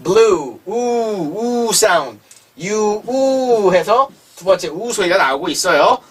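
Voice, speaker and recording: A man teaches phonics in a slow, drawn-out way, breaking each word into its sounds. His voice sits high and swings widely in pitch. It has a slightly husky grain and sounds a little distant from the microphone. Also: sing-song, fairly bright tone. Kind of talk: online language lesson.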